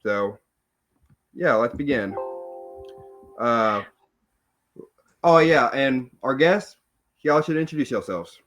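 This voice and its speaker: A man's voice: medium pitch, lively intonation, takes it slowly, pauses often, fairly bright tone, soft background music. A man hosting a casual podcast round-table, talking loosely and passing the turn to each guest. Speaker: podcast host. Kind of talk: casual group chat. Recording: lo-fi online call audio.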